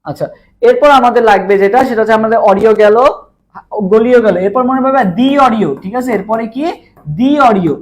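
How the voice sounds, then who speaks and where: A man's voice: sits high, fast talker. A man teaching a live online exam-prep class, who asks questions, answers them himself and repeats key terms again and again. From Bangladesh.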